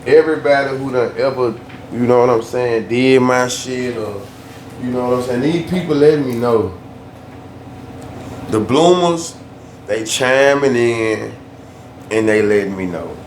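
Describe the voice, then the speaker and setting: A YouTube storyteller rants casually in a loose, slangy style, often repeating himself for emphasis. His mid-range voice moves a little slowly with long pauses, recorded in an echoey room with a faint background hum.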